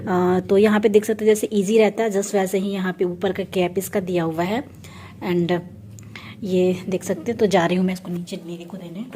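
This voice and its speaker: Hoarse chatty woman vlogging at home. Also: on the low side, fairly even intonation, moderate pace, warm tone, slight background noise. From India. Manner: chatty, homely, explains step by step with many fillers. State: hoarse, sore throat. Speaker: vlogger and mother. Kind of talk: casual home vlog chat. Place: home, kitchen.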